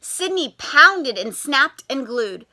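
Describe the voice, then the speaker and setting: A high-pitched female teacher reads slowly from a children's picture book, narrating with lively expression. She stops to ask the children questions.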